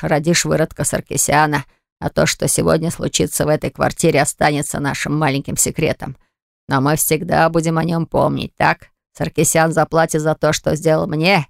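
A reader voicing a crude, menacing male thug who threatens slowly and with a sneer, in a dry, close audiobook recording. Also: vocal fry, dry recording. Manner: slow, low, sneering menace.

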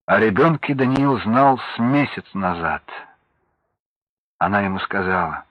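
Husky male audiobook narrator. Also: fairly low pitch, animated, measured pace, no room sound. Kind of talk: scripted narration. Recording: dull lo-fi audiobook recording.

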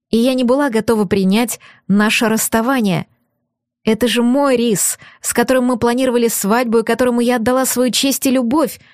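Give me a woman with a slightly high voice narrating an audiobook, measured and emotive, recorded dry and close. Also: a little mellow, no room sound. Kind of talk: scripted first-person narration.

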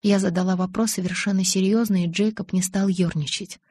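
Female audiobook narrator, breathy, mid-pitched, intimate, dry sound. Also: fairly even intonation, a little fast, darkish tone, no room sound. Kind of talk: first-person audiobook narration.

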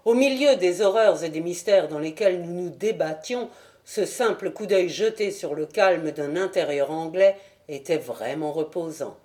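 A woman reading a novel aloud as an audiobook in measured, even scripted narration. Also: on the low side. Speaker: audiobook reader.

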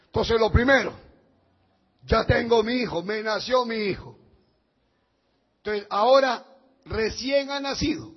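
A man preaching a sermon as pastor, fervent and often shouting, heard on a dull lo-fi recording. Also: extremely high pitch, a little slow, pauses often, slightly rough.

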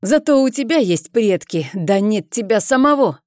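A woman voicing a bold low-born young man who speaks loudly and defiantly. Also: expressive, normal speed, no echo, clean studio sound, natural voice. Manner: loud, defiant.

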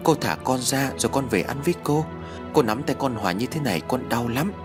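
A man's voice: mid-range voice, lively intonation, a little fast, over music, close to an everyday voice. A man voicing a young village boy who scolds and coaxes his ghost aunt in an earnest way. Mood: urging. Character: young village boy, stern yet coaxing.

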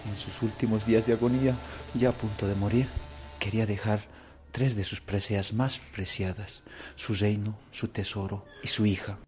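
A man telling humorous folk tales aloud as a storyteller, animated and lively, with faint music behind him. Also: moderate pace. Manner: animated, jumps into high squeaky voices for characters. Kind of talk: oral storytelling of jokes.

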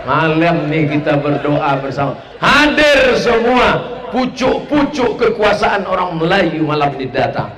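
A man's voice: fairly high pitch, big pitch swings, unhurried, a bit bright. A man gives a humorous public sermon at a large open-air gathering, often drawing call-and-response from the audience. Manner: jokey call-and-response with the crowd. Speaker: preacher. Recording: echoey PA sound with crowd noise.

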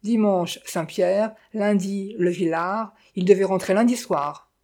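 A woman reading an audiobook, voicing a sharp-tongued, greedy middle-aged widow who scolds and frets about money. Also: measured pace, natural voice. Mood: fretful. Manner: shrill, scolding and grasping. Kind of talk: audiobook character voice.

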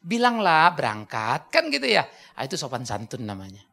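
A man preaching to a congregation, joking and animated, with sudden loud booming bursts. His voice swoops widely in pitch and carries a gravelly rasp, and its tone is bright and forceful. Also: normal speed. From Medan, North Sumatra, Indonesia. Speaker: pastor. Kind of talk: lively sermon with questions from the congregation.

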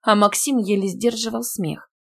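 Expressive female audiobook narrator. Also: medium pitch, moderate pace, creaky. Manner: lively, expressive storytelling. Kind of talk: first-person audiobook narration.

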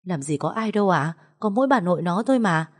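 A woman's voice: fairly low pitch, animated, fast. A woman voicing a humble, polite housemaid who speaks deferentially. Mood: puzzled. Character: humble middle-aged female housemaid, polite and soothing.

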